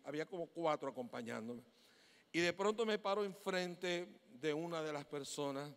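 Middle-aged Venezuelan male pastor, animated storyteller, high-pitched, preaching in a reverberant church hall. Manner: animated storytelling, acting out dialogue. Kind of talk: sermon.

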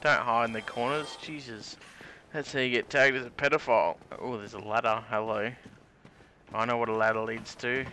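A man, hosting drunken gameplay commentary with loud swearing and laughing outbursts. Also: mid-range voice, fairly even intonation, normal speed, a little hiss or hum. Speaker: gaming channel host.

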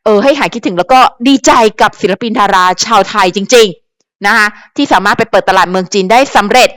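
A woman's voice: medium pitch, brisk, a bit bright, dry recording. A woman hosting a casual commentary channel, talking straight to viewers in a chatty, advisory way with lots of fillers and repeated words. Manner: chatty, frequent fillers and repetitions; advisory, talks directly to viewers. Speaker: channel host commenting on celebrity news.

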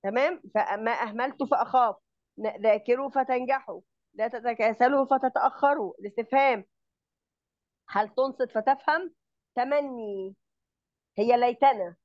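A woman with an Egyptian Arabic accent teaches grammar in an online lesson, explaining step by step and often checking that her student understands. Her voice is on the high side and fairly quick. The recording has no echo, but the highs are cut off.

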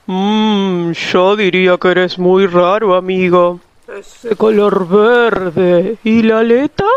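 A woman's voice: mid-range voice, steady tone, dull audio. A woman voicing a huge clever male shark who teases a little octopus. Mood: sly teasing. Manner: slow, drawn-out teasing.

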